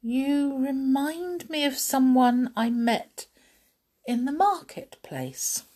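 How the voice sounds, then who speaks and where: A woman voicing a spirited young princess who is fed-up and wary, with a bright, exasperated manner. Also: sits high, expressive, slow pace, pitched above the performer's own voice. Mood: curious.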